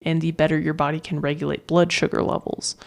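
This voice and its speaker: A woman's voice: deep voice, level tone, fast, creaky. A woman hosting her own fitness podcast, talking casually and rambling with lots of fillers and restarts. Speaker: fitness coach podcast host. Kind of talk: casual solo podcast talk.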